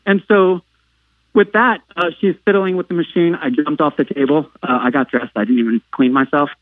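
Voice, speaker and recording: Rich: A man with a somewhat high voice recounts a personal ordeal in a slow, halting way, full of "uh" fillers and restarts. He sounds squeezed through a narrow, phone-like line with no room sound around him. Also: steady tone, no echo. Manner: halting, filler-heavy retelling; acts out quoted lines with sudden loud outbursts. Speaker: podcast guest. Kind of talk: personal storytelling.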